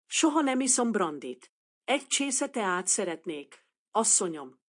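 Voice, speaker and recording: A woman voicing a poor, shy young woman, desperate and faint, who speaks in a soft, hushed, pleading way in a storybook reading. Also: mid-range voice, sing-song. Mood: tearful refusal.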